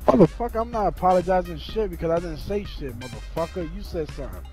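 A man's voice: high-pitched, animated, fast, darkish tone, faint music behind. A man in online game voice chat, angry, defensive and cursing heavily. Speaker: random online player.

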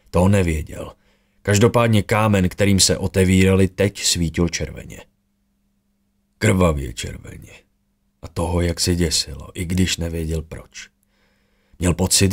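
A man narrating a fantasy audiobook in a steady storytelling manner. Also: sits low.

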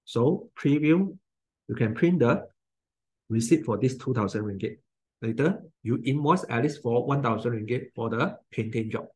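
A man in his forties with a Malaysian English accent, talking through a software tutorial in plain step-by-step instructions. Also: mid-range voice, normal speed, breathy edge. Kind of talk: screen-recorded software tutorial.

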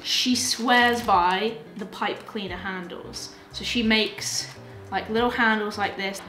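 A woman's voice: medium pitch, fairly bright tone. Chatty woman vlogging in an echoey room. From England. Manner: chatty and upbeat, with frequent laughs. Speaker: vlogger and marathon runner. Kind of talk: casual vlog chat. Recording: echoey room with faint music.

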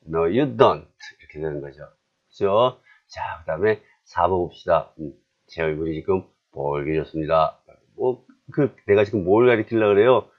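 Male English teacher, Korean accent, low voice, unhurried drills, dull lo-fi recording. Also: expressive. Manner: chatty, self-deprecating, repeats drills slowly. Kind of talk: classroom grammar lesson.

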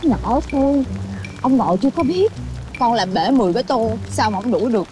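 Brief: actress as a clumsy young woman, high voice, sheepish and hushed. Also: lively intonation, brisk, music in the background, natural voice. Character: clumsy young woman who keeps losing jobs. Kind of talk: TV drama acting.

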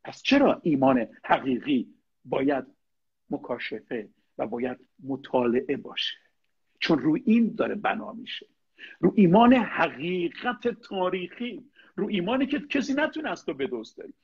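Husky-voiced man preaching a sermon. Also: mid-range voice, sing-song, highs cut off. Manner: preaching with rhetorical questions, direct address to listeners. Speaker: pastor.

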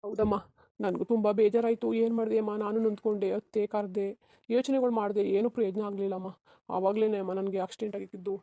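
A woman voicing a sad, self-sacrificing young married man in a cartoon, talking in a soft, resigned, pleading way. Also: mid-range voice, flat delivery, brisk, no echo, close to an everyday voice. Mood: sorrowful. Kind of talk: cartoon voice acting.

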